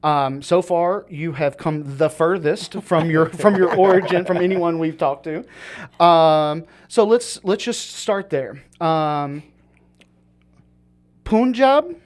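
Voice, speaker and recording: A man hosts a casual podcast chat, rambling along with plenty of fillers and restarts. His voice is a little high and he takes his time.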